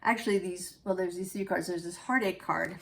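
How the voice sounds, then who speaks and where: A woman's voice: on the low side, steady tone, brisk, creaky, a little hiss or hum. A woman giving a casual, reflective tarot reading, musing aloud and correcting herself as she goes. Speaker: tarot reader.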